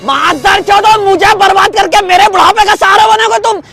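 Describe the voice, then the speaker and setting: A man plays a ruined old father who wails and cries out loud. His voice sits very high. Faint music and a light crowd murmur sit underneath. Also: normal speed. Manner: wailing, crying out loud. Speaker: comedy sketch actor playing a ruined father. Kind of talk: comedy sketch acting.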